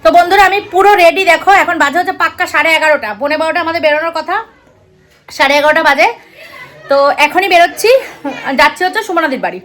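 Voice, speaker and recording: A woman's voice: extremely high pitch, racing, fairly bright tone. A middle-aged woman from West Bengal with a Kolkata Bengali accent, chatting casually to her viewers in a home vlog from her kitchen, repeating herself often. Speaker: vlogger.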